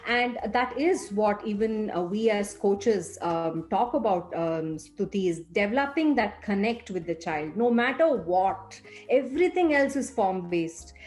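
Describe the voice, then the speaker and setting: A woman's voice: mid-range voice, lively intonation, a little slow, hardly any pauses, a little mellow, faint music behind. A woman host and coach in a conversational interview, speaking reflectively and checking for agreement. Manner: reflective, asks the guest to agree.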